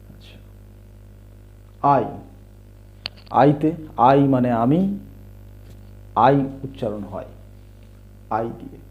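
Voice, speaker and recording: Slow, patient male teacher spelling words. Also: medium pitch. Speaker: English teacher. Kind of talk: slow explanatory lesson. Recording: dull lo-fi recording.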